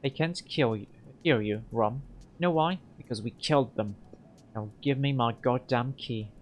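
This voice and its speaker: A man's voice: medium pitch, measured pace, a little hiss or hum, close to an everyday voice. A man reading a game aloud and voicing a feisty young woman decker whose small voice turns raucous. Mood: threatening.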